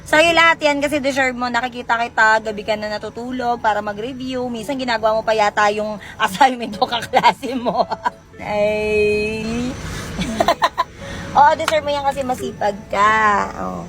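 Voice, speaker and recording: A woman's voice: fairly high pitch, normal speed, a bit bright, soft background music. A woman playfully teasing her younger sibling in casual family banter, laughing often. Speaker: older sister.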